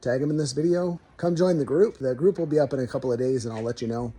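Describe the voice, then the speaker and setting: A man's voice: mid-range voice, fast, mellow, husky. A man in his garage, chatting casually and rambling a little as he talks straight to his viewers about his car project. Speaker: DIY car builder vlogger. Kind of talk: casual talk to camera. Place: home garage.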